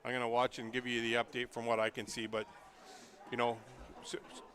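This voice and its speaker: A man's voice: mid-range voice, monotone, brisk, a bit bright. Chatty man calling a football game. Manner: chatty, opinionated, full of fillers. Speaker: color commentator. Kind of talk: live sports commentary. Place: press booth at an outdoor stadium.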